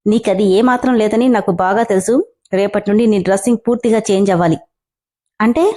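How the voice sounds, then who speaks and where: A woman's voice: medium pitch, brisk, mellow, close to an everyday voice. A woman voicing a stern young man, a company boss, with clipped scolding commands in a story reading.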